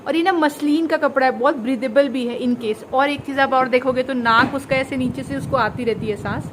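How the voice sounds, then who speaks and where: A young woman with a high, light voice chats to her vlog viewers from her balcony at night. She keeps a running commentary going, easy and talkative, with a faint hum of room sound behind her. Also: fairly quick. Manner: chatty, narrates events to the viewers. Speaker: vlogger. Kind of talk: casual home vlog chat.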